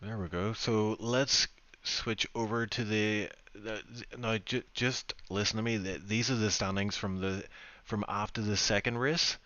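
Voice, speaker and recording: This UK league race broadcaster gives loose, self-deprecating post-race talk, speaking a little slowly in a steady, lowish voice with few pauses. His tone is pushed and bright with no room sound, though the lo-fi stream audio comes across dull.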